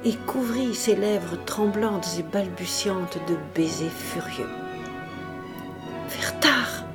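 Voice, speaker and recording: A woman giving an expressive, dramatic audiobook reading of a classic novel, with music behind. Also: fairly low pitch. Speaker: audiobook reader.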